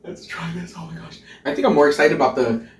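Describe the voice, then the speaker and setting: A young man in drag runs a home cooking vlog, his voice on the high side and fast. He's bubbly and giggly, swears a lot as he tastes his food, and puts on a mock Irish lilt while chatting casually. The camera mic sits a few feet away in his indoor kitchen, so he sounds off-mic with a roomy echo and slight background noise.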